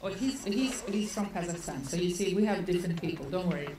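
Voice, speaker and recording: The woman's voice is fairly low and a bit fast as she gives chatty opening remarks at a seminar. An Australian event organizer introducing speakers, she laughs often and uses many fillers, recorded far from the mic in a noisy, echoey conference hall.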